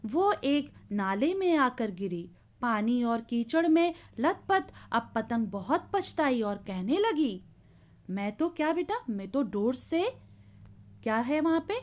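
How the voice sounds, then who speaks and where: A woman teacher giving an online class to children, fondly asking questions and answering them herself. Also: high-pitched. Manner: calls the children "beta" fondly.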